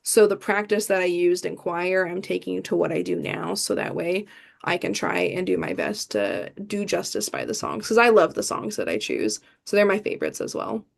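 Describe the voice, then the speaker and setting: A young Midwestern woman, an idol performer on as a guest, responds to interview questions in a fairly low, creaky, expressive voice at normal speed. She's chatty, frequently using fillers and starting sentences over.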